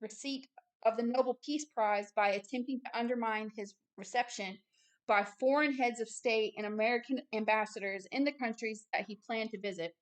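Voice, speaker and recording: A woman hosts a religious video, reading a book aloud and breaking into impassioned preaching commentary. Her voice is fairly high at a moderate pace, and her manner is emphatic and insistent, built on short repeated phrases.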